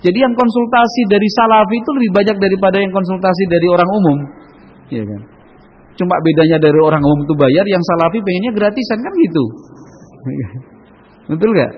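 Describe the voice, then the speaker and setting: A man's voice: high voice, fairly quick, slightly rough. A man giving a casual religious talk, chatty and often asking listeners to agree. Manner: chatty, asks the audience for agreement, slips into Javanese. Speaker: Islamic preacher. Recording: dull lo-fi sound with long hall reverb.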